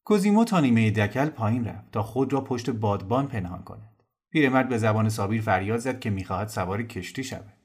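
Man reading a novel aloud, low voice, calm and steady. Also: slightly rough. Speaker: storyteller. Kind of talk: scripted narration of a novel.

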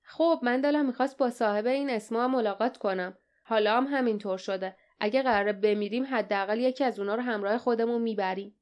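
A woman's voice: fairly high pitch, darkish tone, clean tone, natural voice. A woman voicing a determined young male hero, speaking in a grim, resolute way.

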